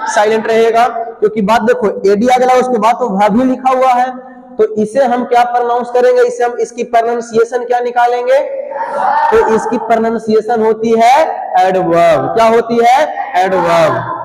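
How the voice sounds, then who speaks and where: A man with a high voice teaches English grammar to a class, asking the same question again and again and answering it himself to drill the pronunciation. His voice rings around an echoey room with a long reverb tail. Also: steady tone, normal speed. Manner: drills pronunciation with repeated call-and-response questions.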